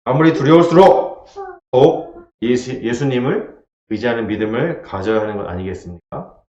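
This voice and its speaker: Male pastor preaching in an echoey church. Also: medium pitch. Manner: emphatic preaching with repeated lines and rhetorical questions; acts out scripture quotes in a dramatized voice. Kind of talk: sermon. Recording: roomy echo, dull lo-fi sound.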